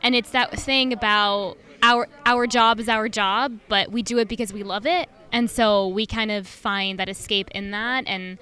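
Bright candid actress, French native. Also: female voice, medium pitch, fairly even intonation, normal speed, hardly any pauses, clear, resonant tone. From Switzerland. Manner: candid, laughs easily. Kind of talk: casual interview.

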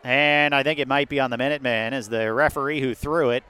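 A play-by-play announcer with an American accent calls live football in radio style from atop a windy outdoor press box, his voice rising with excitement on big plays. He speaks quickly in a smooth, mid-range voice, and the stadium wind is audible in the broadcast.

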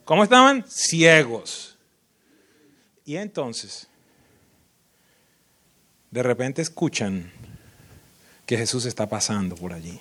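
A man preaching a sermon as a pastor, lively and full of sudden loud rises and teasing impressions of worshippers. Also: medium pitch, slow pace, pauses often.

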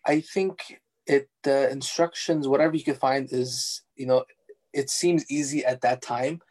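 A young architectural designer whose first language is Farsi answers interview questions in a relaxed, halting way, with many fillers and restarts. His voice is medium-pitched.

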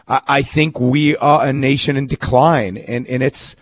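A man's voice: medium pitch, steady tone, measured pace. Earnest Israeli-born radio host, man. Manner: earnest, with many restarts and fillers. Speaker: radio talk show host. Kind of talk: call-in radio talk.

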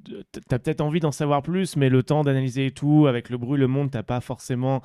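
Mellow man giving earnest advice. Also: medium pitch, fairly even intonation, brisk, clean tone, dry recording, clean studio sound. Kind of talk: casual podcast discussion.

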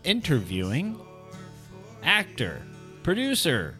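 Riffing on the news for his podcast, an American host offers jokey opinions and rhetorical questions in a rambling way. His fairly high, sharp voice swings hugely in pitch as he takes his time, with faint music in the background.

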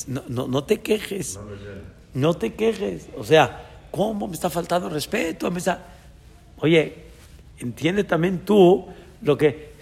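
A man with a Mexican accent, a rabbi giving a Torah lesson in a lively way, acting out people's thoughts and chuckling as he explains. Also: on the high side, gravelly, breathy edge. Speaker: rabbi teaching a class. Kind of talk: Torah lesson on a biblical book. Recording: long hall reverb.

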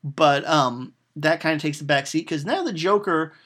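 A man chatting casually as he retells a film's plot in an animated way, with lots of um fillers and acted-out lines of dialogue. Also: a little high, moderate pace. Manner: animated storytelling, acting out quotes, frequent "um" fillers. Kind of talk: casual chat retelling a film.

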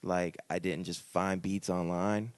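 A man's voice: sits low, flat delivery, unhurried, no room sound, studio quality. A young man from the Raleigh area, a rapper guest, talking casually and rambling with many fillers in a podcast interview. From Raleigh area, North Carolina. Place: podcast studio.

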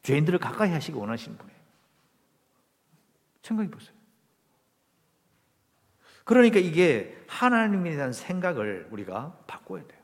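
A man's voice: a little high, very animated, moderate pace, gravelly, pauses often. A male pastor preaching a Sunday sermon, emphatic and firing rhetorical questions at the congregation. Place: church sanctuary. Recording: long reverb of a church hall.

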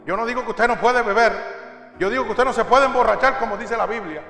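A man preaching a fiery sermon as pastor, his voice swelling loud on his calls to the congregation. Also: very high-pitched, quick pace, echoey room, big-room sound. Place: church hall.

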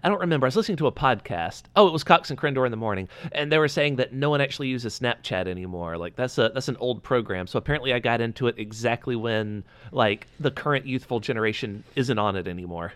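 A man co-hosting a casual podcast, easygoing and rambling, thinking out loud as he talks. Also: medium pitch, lively intonation, quick pace, hardly any pauses, clear, resonant tone, dry recording. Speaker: podcast co-host. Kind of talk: casual chat.

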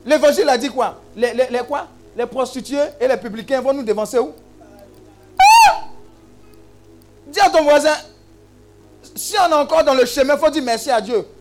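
A male preacher with a strikingly high voice that leaps around, shouting, teasing and calling on the congregation to answer. He preaches over a faint bed of music. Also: sing-song, normal speed, pauses often. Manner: exclamatory, call-and-response with the congregation; humorous asides and teasing. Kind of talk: sermon.

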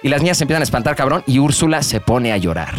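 Racing through his words at a medium pitch, a young man with a Mexican Spanish accent spins a slangy anecdote for his friends. He's animated and voices each character himself, and faint music can be heard in the background.

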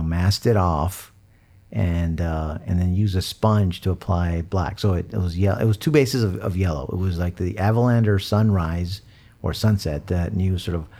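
A man's voice: low-pitched, moderate pace, warm tone. A man hosting a podcast in casual hobby chat, with an easygoing, jokey way of talking. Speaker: podcast host.

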